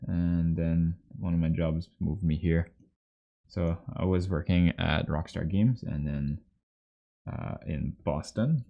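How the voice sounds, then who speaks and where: On a slightly muffled livestream, a man in his thirties from Trinidad and Tobago chats casually and easily while he works. He's a 3D artist hosting from a small indoor home workspace, his low-pitched voice carrying vocal fry.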